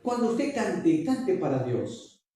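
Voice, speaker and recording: A man's voice: high-pitched, very animated, slow pace, a crowd in the background. A man preaching a sermon as pastor, emphatic and repeating his key phrases. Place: church. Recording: echoey church hall, distant mic.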